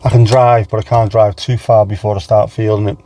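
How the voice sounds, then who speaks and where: An English livestream host with a mild Scouse accent talks fairly quickly in a low, mellow, flat voice. Low on energy, he chats and rambles casually, reading out viewers' names from the chat and answering them.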